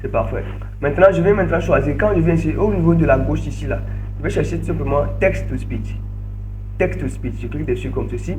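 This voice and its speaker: A man's voice: on the high side, fast, a little mellow, soft background music. A man leading an online training session, narrating each click step by step and often repeating words over a video call. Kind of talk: screen-share tutorial.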